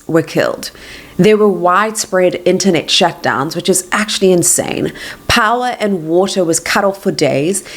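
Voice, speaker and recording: A young woman from Tanzania, hosting a faith-based appeal to viewers, speaking earnestly with a preacherly swell. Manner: heartfelt, preacherly, swells higher and softer on scripture lines. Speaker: host.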